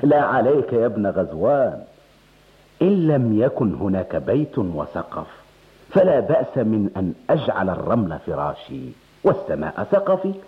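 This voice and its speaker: A stranded traveler, humble on the surface and wily underneath, in a radio comedy drama. His fairly low voice rises and falls dramatically in drawn-out classical phrases. The sound is narrow and muffled, like an old broadcast. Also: sing-song. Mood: resigned, good-humoured. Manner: theatrical, drawn-out classical delivery.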